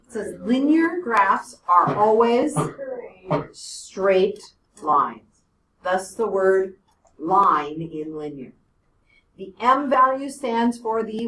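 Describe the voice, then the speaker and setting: A woman with a sharp-toned, mid-range voice explains a math lesson to her class one step at a time, checking understanding with "okay?" and "right?" The classroom lecture is echoey and distantly recorded, with slight background noise.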